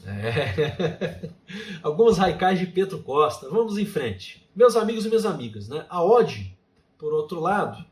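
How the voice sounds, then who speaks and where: A man's voice: sits high, very animated, moderate pace. A Brazilian man teaching a creative writing class, explaining poetic forms and often adding "né?" to his sentences. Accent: Brazilian Portuguese. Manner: frequent tag "né?", recites his own poems with feeling. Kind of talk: online course lecture. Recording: echoey room.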